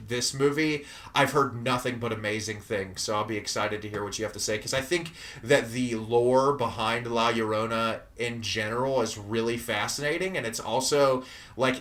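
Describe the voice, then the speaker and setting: A young man co-hosts a podcast in a casual, easygoing voice at an average pitch. He talks through horror movies loosely and laughs often. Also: sharp tone. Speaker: podcast co-host. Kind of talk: casual film chat.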